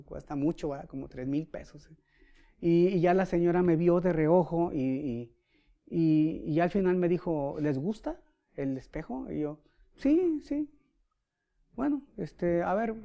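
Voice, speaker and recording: Brief: Mexican male pastor, sermon, animated anecdotal delivery. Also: high voice. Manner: animated storyteller, acts out quotes. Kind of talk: sermon with storytelling.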